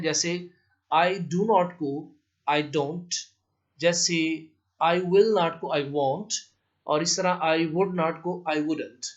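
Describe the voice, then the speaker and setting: A male teacher explaining English grammar rules slowly, repeating each term and giving English examples. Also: on the high side. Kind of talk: classroom lesson explanation. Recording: dull lo-fi recording.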